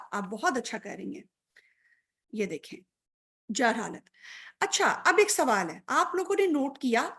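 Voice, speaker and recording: A woman's voice: high voice, a bit bright. A woman teaching an online grammar class, patient, often checking if students follow, mixing English terms into her speech.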